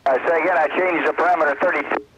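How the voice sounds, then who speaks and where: A crew member talking brisk technical shop over a radio link that breaks up, with hesitant fillers. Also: male voice, fairly high pitch, fairly even intonation, a bit bright, highs cut off, a little hiss or hum. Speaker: crew member aboard the orbiting lab. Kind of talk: space-to-ground radio exchange.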